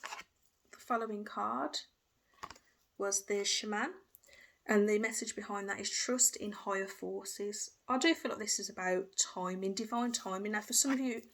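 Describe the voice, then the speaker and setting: A woman's voice: medium pitch, steady tone, unhurried, a bit bright. A woman giving a casual tarot reading, talking intuitively and hesitantly with restarts and "I feel" phrases. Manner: hesitant, hedging with frequent fillers and restarts. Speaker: tarot reader.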